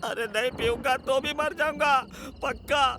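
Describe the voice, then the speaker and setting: High, rambling drunk man in a film. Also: steady tone, moderate pace, background noise. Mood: insistent. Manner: insistent, rambling drunk complaints. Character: tipsy man swearing he saw a ghost.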